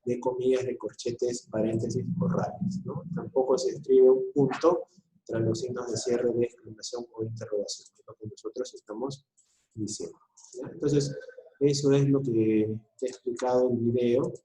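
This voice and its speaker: A man's voice: mid-range voice, fairly even intonation, moderate pace, mellow, echoey room, poor audio. A male school teacher giving a recorded online class, explaining patiently and often checking in with short questions.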